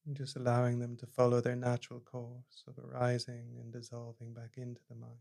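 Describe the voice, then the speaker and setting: A male meditation teacher guides listeners inward with a calm, soft-spoken delivery. His voice stays remarkably level and even in pitch, with a gravelly fry at the bottom of his range. Phrases fade away quietly as each instruction settles. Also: brisk.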